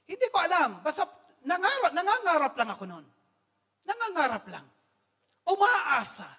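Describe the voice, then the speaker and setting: High-voiced, bright Filipino man preaching. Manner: earnest, addresses the congregation as brethren, mixes English phrases; swells to loud exhortation. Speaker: lay preacher sharing testimony. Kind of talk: testimony sermon.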